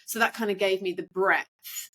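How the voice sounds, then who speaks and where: A woman's voice: medium pitch, steady tone, normal speed, sharp tone, slight background noise. A middle-aged woman from England, chatting casually as a podcast guest, rambling with fillers. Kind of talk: casual interview chat.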